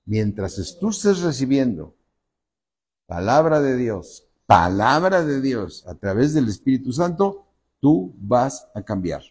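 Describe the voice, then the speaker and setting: A pastor delivering a sermon in a husky, somewhat breathy voice. His tone is mellow and dark. He stretches out the phrases he stresses, rises to loud high peaks and drops to soft low asides. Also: big pitch swings, slow.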